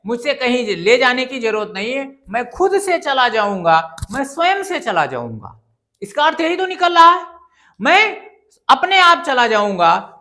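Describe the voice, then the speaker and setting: A woman's voice: high voice, sharp tone. A woman teaching a grammar lesson for exam students, patient and repetitive, often asking the class questions. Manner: patient, repeats key points and asks the class questions.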